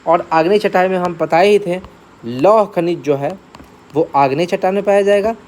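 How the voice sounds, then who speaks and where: A man's voice: high-pitched, normal speed, darkish tone. A man teaching exam-prep geography, repeating key terms, asking questions and answering them himself, and checking in often with his students. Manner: checks in often with "theek hai".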